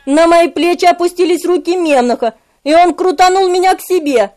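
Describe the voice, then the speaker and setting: A woman narrating a novel in the first person. Her voice is high and her reading is dramatic and vivid, with scripted, steady storytelling. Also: fairly quick. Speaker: audiobook narrator.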